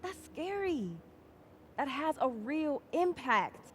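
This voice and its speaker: An outspoken young woman student from a video game, earnest and pointed as she speaks up. Her voice sits fairly high, and she presses every point with conviction. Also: big pitch swings, slow pace, a bit bright, a little hiss or hum, full character voice. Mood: frustrated.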